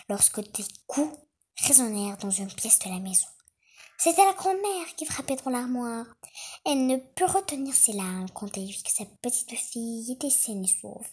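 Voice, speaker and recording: Expressive woman narrating a fairy tale. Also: on the high side, breathy edge. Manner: expressive, dramatic storytelling. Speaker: storyteller. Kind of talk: children's story narration.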